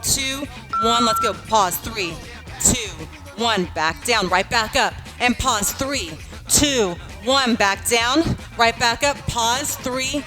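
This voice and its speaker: A woman with a fairly high voice leads a home workout in the manner of an aerobics instructor. She gives casual, encouraging cues and counts, pushing people along. Music plays clearly behind her. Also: takes it slowly. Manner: encouraging, urging, casual coaching with frequent check-ins. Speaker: fitness instructor leading a home workout class.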